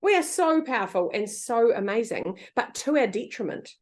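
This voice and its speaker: A woman in her fifties, a guest author in a casual interview chat, who talks lively, laughs often and acts out quoted voices. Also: fairly high pitch, normal speed.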